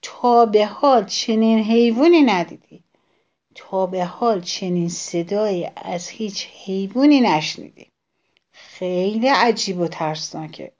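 A woman voicing a frightened male jackal in a children's storybook, shouting and breathless with urgency. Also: mid-range voice, lively intonation, dull audio, lightly acted. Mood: panicked.

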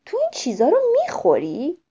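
A woman voicing a nervous young baby boy owl who cannot fly well yet, in a high squeaky voice. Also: wildly swooping pitch, warm tone, husky, full character voice. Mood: curious. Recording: dull lo-fi recording.

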